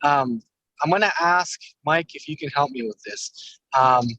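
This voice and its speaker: A man phones into a community meeting on a hands-free car speakerphone as he drives. His voice sits a bit high for a man and sounds dry and close. He speaks as a police commander, careful and courteous, choosing his words so he does not misspeak. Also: a little slow, pushed and bright, no echo, dull audio. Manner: careful and polite, hedges to avoid misspeaking. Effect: car speakerphone call. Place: inside a moving car.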